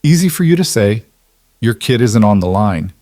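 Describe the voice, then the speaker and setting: A man's voice: lowish voice, sing-song, moderate pace, a little mellow, no room sound, studio quality. A man voicing a tense, worried single father in an audiobook, guarded and anxious. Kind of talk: scripted audiobook narration.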